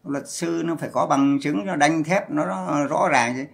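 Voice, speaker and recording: A man's voice: on the high side, moderate pace, gravelly. A man ranting on a livestream, scolding and cursing in a heated voice. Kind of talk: angry livestream rant.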